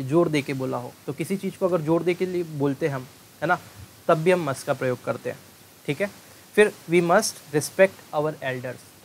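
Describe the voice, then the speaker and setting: A man teaching English grammar in an exam-prep video lesson, explaining in Hindi and reading English example sentences slowly and with emphasis. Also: fairly high pitch, poor audio. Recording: faint hiss.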